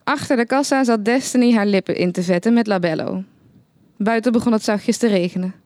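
A woman narrating a satirical short story in the first person, with a dry, deadpan manner. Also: mid-range voice, fairly quick, no echo.

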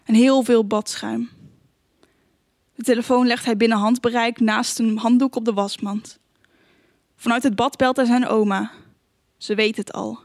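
Calm woman reading an audiobook. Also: a little high, measured pace, long pauses, dry recording, clean studio sound. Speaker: audiobook narrator. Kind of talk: scripted narration.

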